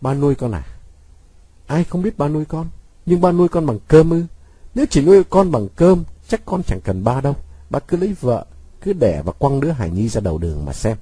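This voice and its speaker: A man's voice: mid-range voice, big pitch swings, fairly quick, dark tone, breathy edge, no room sound. A man voicing a bitter, defiant young man who mocks his father with sweet sarcasm. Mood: mocking. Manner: sarcastic, cutting, sweetly mocking.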